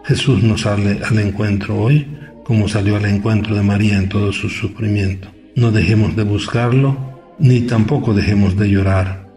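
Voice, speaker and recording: A man, a bishop, reading a gospel passage and giving a measured, reflective homily full of repeated questions. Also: on the low side, steady tone, mellow, soft background music.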